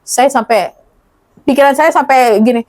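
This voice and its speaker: A woman's voice: high voice, normal speed. A middle-aged woman, an interview guest, telling her story casually and acting out the dialogue. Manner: animated, acts out quoted dialogue.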